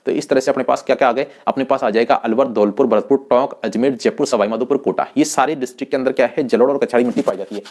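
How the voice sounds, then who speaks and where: A man teaching an exam-prep lesson, who keeps asking his students questions and answers for them in a lower voice, repeating himself and calling them his children. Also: fast, hardly any pauses, a little mellow. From India. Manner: repetitive, coaxing, calls students "my children".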